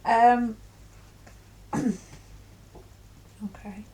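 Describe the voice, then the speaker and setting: A middle-aged woman giving an intuitive tarot reading in a musing, halting way with many fillers. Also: on the high side, fairly even intonation, mellow, poor audio. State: coughing at times. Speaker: tarot reader.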